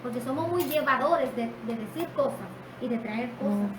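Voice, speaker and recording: Calm high-voiced woman teaching. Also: moderate pace. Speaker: co-host. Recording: distant, echoey mic with faint noise.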